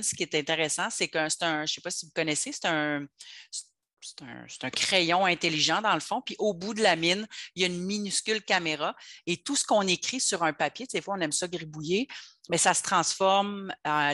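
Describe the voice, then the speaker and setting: Chatty Québécois workshop leader, bright voice. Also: medium pitch, no echo, studio quality. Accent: Québécois French. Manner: chatty, explaining step by step. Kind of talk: online workshop presentation.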